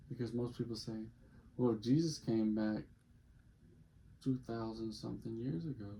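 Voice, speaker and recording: A man's voice: medium pitch, creaky, mellow. A man hosting a casual podcast chat, talking in a blunt, profane way. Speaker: podcast host. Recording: muffled, noisy recording.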